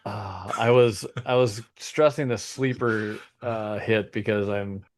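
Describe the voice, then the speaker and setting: A middle-aged man co-hosting a podcast in casual, jokey banter, a bit sleepy and quick to poke fun at himself. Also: on the low side, steady tone. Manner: jokey, self-deprecating, laughs often. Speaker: podcast co-host.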